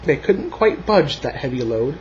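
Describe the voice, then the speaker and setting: A man reading a children's picture book aloud in an expressive, sing-song storytelling voice at home. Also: fairly high pitch, moderate pace, dull audio, slight background noise.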